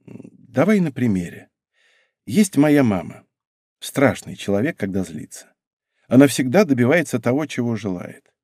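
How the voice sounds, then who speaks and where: A man voicing a calm, blunt young woman. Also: medium pitch, no echo, clean studio sound, natural voice.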